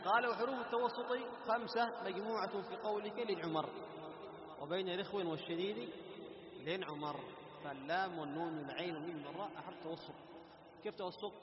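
A man teaching a recitation lesson. He explains quickly, chants the example verses slowly and melodiously, and keeps asking his students questions that he then answers himself. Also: high voice. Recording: echoey, muffled room recording with background noise.

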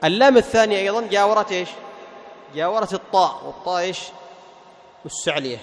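A high-pitched man leads a tajweed lesson as the teacher. He poses quick questions and answers them himself, then slows down to recite each example carefully. His voice rings out with long reverb from a hall. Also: animated.

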